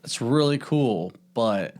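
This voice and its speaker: A man co-hosting a podcast in casual chat, halting and hesitant. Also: medium pitch, lively intonation, a little mellow. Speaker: podcast co-host.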